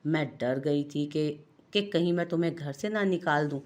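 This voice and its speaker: A woman's voice: low voice, moderate pace, a little mellow, natural voice. A woman doing a pouting young bride. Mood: mock-angry. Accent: Urdu. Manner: mock-angry, pouting. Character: young bride, sulky and quick to pout.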